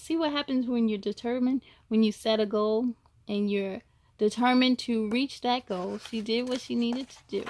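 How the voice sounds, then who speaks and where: A woman with a slightly high voice reads a children's book aloud, expressive and encouraging, adding chatty asides for young listeners.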